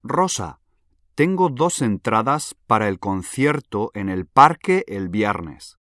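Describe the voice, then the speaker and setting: A man playing a friendly twenty-six-year-old in a scripted language-exam dialogue, speaking slowly and clearly. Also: lowish voice, sing-song, fairly bright tone, no room sound, studio quality, heavily acted. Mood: casual. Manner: slow, clearly spaced delivery.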